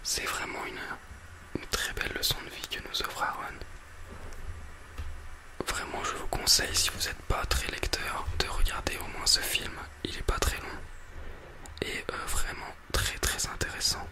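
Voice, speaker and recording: Speaking at a measured pace, an ASMR host uses a breathy, hushed library whisper right by a binaural mic to present a book and a film.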